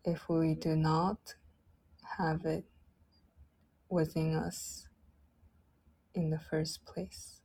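A woman leading a guided loving-kindness meditation in a soft, gentle, drawn-out way. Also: sits low, level tone, husky.

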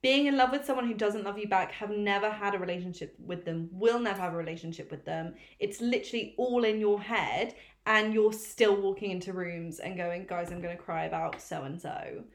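A young woman co-hosting a podcast, chatting casually in an animated, self-mocking way and swearing freely. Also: mid-range voice, a little fast, hardly any pauses. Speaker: podcast co-host. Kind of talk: casual chat. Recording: roomy echo.

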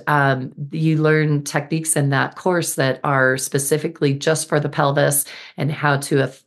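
A woman with a very deep voice, talking through a solo podcast episode. She sounds a little hoarse and squeaky after being sick, yet stays earnest and upbeat, with a few fillers here and there. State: slightly hoarse after illness. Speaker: podcast host and birth healing educator.

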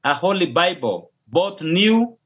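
Against a noisy crowd, a Kenyan pastor who speaks Luo natively answers interview questions over a call. His high voice swings widely in pitch at a slow pace, and he hesitates, repeating and restarting words often. The audio quality is dull and lo-fi.

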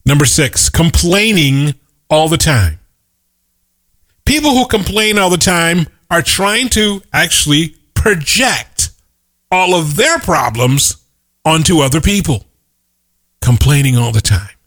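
A middle-aged man delivers a motivational monologue with emphatic repetition. His pitch sits a touch high for a man and moves in wide, lively swings. He drops into quick story asides between his numbered points. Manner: emphatic, repeats key lines for effect. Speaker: motivational speaker.

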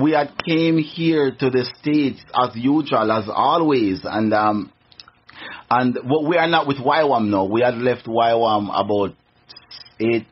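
On a muffled radio recording, a middle-aged man from Jamaica gives earnest testimony in a casual interview, his Jamaican accent clear and his sentences often starting over. His voice is medium-pitched and breathy; Jamaican Patois is his first language.

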